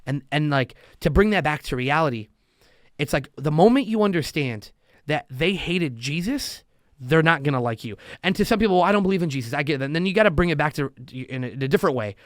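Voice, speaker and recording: Animated male podcast guest. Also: a little high, brisk, dry recording, studio quality. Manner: animated storyteller, acts out quotes. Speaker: podcast guest, loan officer. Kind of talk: casual conversation.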